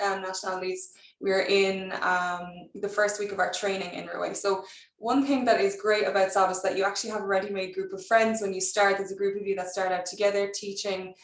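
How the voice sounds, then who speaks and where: A woman in her twenties with a west of Ireland accent, giving an informal, explanatory recruitment presentation. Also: mid-range voice. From Galway, west of Ireland. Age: 20s. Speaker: recruitment officer. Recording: roomy echo, distant microphone.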